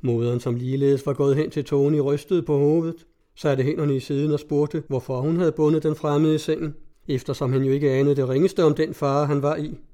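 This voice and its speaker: A man narrating a classic novella in a measured, even audiobook reading. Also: fairly high pitch.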